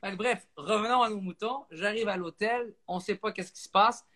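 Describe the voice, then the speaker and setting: A man's voice: sits high, normal speed. A man with a Québécois French accent, a comedian telling a story on a live stream and acting out the people in it. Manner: animated, acts out voices.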